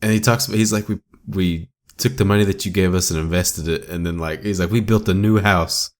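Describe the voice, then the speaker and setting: Brief: young male co-host, very low voice, relaxed casual chat. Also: fairly quick. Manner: laid-back, laughs along. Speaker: podcast co-host.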